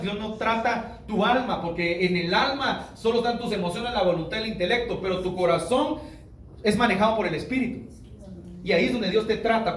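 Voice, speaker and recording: A man's voice: high voice, slight background noise. A male pastor preaching a sermon and praying, emphatic and full of rhetorical questions. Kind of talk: sermon and prayer. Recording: echoey room, from far off.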